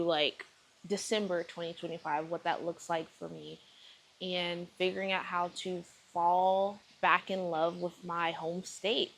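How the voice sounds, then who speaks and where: A woman's voice: fairly low pitch, rough recording. A woman, talking casually to camera in a rambling video diary full of fillers and self-corrections. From Texas, United States. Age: 30s. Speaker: vlogger.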